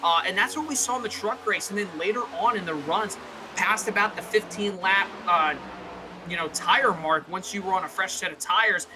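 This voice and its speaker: Excitable high-voiced race commentator man. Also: normal speed, background noise. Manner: excitable, rambling, self-deprecating. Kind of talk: live sim-racing play-by-play commentary.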